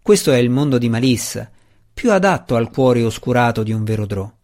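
A man voicing a calm, resolute young male dark elf in an audiobook, speaking in a measured way. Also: medium pitch, lightly acted. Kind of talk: audiobook character reading.

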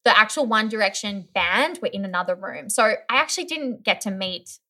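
A young woman with a medium-pitched voice chats briskly as a guest. She spins an animated story, dropping "like" frequently and doing impressions of others' voices in the casual exchange.

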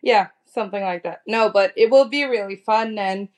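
A woman's voice: medium pitch, normal speed, darkish tone. A woman co-hosting a podcast, upbeat and easygoing, chatting casually with lots of fillers over an online call. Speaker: podcast co-host. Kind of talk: casual chat.

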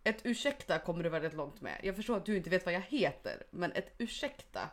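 A young woman in casual chat, animated and full of fillers, slipping English phrases into her stories. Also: lowish voice. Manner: lots of fillers and restarts.

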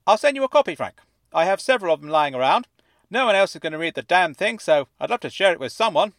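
A man voicing an excitable middle-aged newspaper writer with a fuzzy, wobbly, slightly distorted voice and a gushing way of talking. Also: high voice, fast talker, no echo, pitched above the performer's own voice. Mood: eager. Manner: effusive, gushing, rambles when excited.

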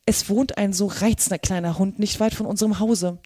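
A woman reading a storybook and voicing a curious, polite little girl in a raised, girlish pitch. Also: steady tone, brisk, dark tone, dry recording, clean studio sound, lightly acted. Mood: chatty.

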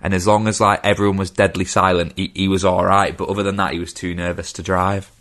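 Deep-voiced man sharing film trivia. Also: fast talker. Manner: relaxed storyteller, shares trivia. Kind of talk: casual film chat.

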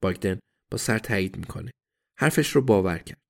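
A man narrating an audiobook in a measured, even reading. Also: sits low, creaky.

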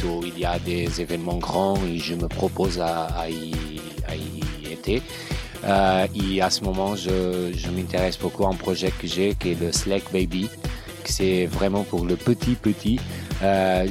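A very low-pitched man in his thirties speaks with a Portuguese accent, his first language showing as he halts to find his words. Music plays clearly in the background throughout. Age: 30s. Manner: halting, searching for words in a second language. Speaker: slackline instructor and competitor. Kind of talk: interview answers. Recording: music playing behind the voice.

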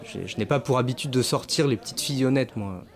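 A protective gentleman companion, played by a man, who speaks in a measured, gently reproachful tone. His voice sits at a middling pitch and stays composed. It is radio-play acting. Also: natural voice.

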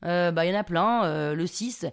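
A woman's voice: lowish voice, normal speed, clean tone, voice pushed down, lightly acted. A woman voicing her exasperated, sensible woman friend who dislikes games. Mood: weary. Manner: weary, sensible, fed up.

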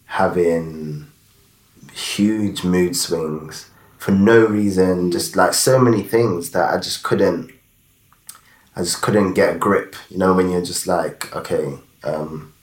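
Slow, very low-voiced man. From London. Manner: slow, hesitant, searching for words. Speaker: podcast guest. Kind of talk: candid conversation. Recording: roomy echo.

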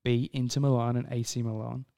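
A man co-hosting a casual podcast, reading out quiz questions with jokes and playful pauses. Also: medium pitch, level tone, gravelly, warm tone, smooth. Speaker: podcast co-host and quizmaster. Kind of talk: casual chat.

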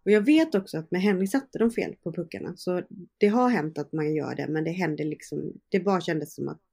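A woman's voice: lowish voice, creaky, a little mellow, breathy edge. A young woman, an interview guest, casually recounting personal events with fillers and quoted dialogue. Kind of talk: personal storytelling in conversation.

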